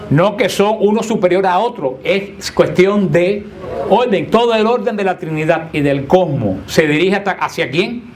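A man's voice: high-pitched, lively intonation, normal speed. A man leading a Bible study lecture, explaining plainly, repeating key points and keeping the group engaged with questions. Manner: keeps asking the group questions; playful teasing of the listeners. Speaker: Bible class teacher.

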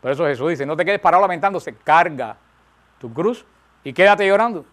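A man's voice: a little high, animated, fairly quick, a bit bright. A man preaching a sermon, emphatic, rising and falling, repeating phrases for stress.

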